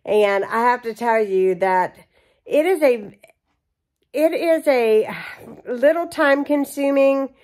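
A middle-aged woman chatting casually through a home baking vlog, relaxed and talkative with plenty of ums. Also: sits high, slow. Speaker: home cooking vlogger. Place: home kitchen.

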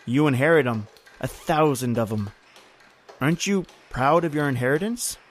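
An actor in an old-time radio horror drama voices a grim, bitter factory overseer on an island, taunting and folksy, with words like "aye" and "ain't." His voice is natural and medium-pitched, and his pace is moderate.

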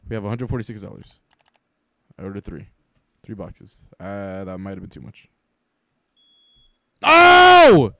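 A young man playing a co-op cooking game, excitable and swearing, often bursting into panicked shouts and laughter. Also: lowish voice, a little slow, long pauses, no room sound. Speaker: gamer playing co-op. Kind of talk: casual gameplay chat.

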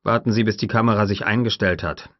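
A determined scientist who speaks firmly and without fuss, as a deep-voiced male narrator plays him. The voice is low and dry on a dull lo-fi recording. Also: steady tone, quick pace, no room sound, close to an everyday voice. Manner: firm, matter-of-fact. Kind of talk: audiobook character voice.

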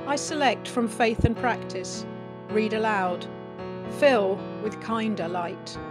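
Slow woman reciting a poem over piano. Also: medium pitch. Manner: slow, soft, reflective recitation. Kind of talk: poetry reading over piano. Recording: voice over loud piano music.

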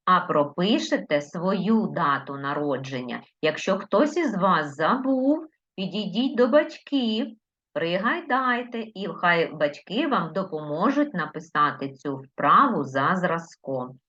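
A woman's voice: on the low side, sing-song, takes it slowly, fairly bright tone, highs cut off. A woman teacher with a Ukrainian accent, giving a recorded lesson to young children, stretching words and coaxing answers with questions. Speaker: primary school teacher.

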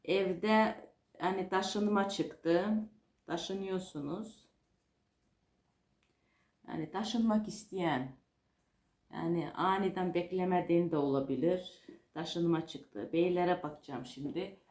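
Woman, fortune teller reading cards, unhurried pace, hesitant and repetitive, mid-pitched voice, roomy echo. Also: a little mellow. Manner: hesitant, repetitive, explaining as she goes. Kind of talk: fortune-telling card reading, informal and unscripted. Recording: roomy, echoing home-style recording.

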